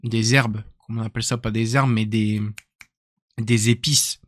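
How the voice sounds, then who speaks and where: A man's voice: lowish voice, fairly even intonation, moderate pace, dry recording, clean studio sound. A young man from northern France with a northern French accent, chatting casually and jokily on a live stream, often trailing off into mutters. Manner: rambling, jokey, trails off into mutters.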